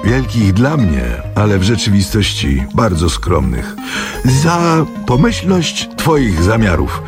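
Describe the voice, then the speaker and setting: A man's voice: big pitch swings, takes it slowly. A man voicing a fussy, anxious elderly shop clerk in a radio book reading. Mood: solemn. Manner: agitated, pleading, voice climbing high. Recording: radio reading with clear music behind.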